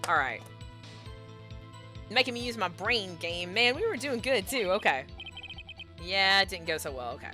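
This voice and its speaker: A woman's voice: medium pitch, animated, normal speed, long pauses, pushed and bright, faint music behind. A woman game streamer giving casual playthrough commentary between bits of dialogue she reads aloud.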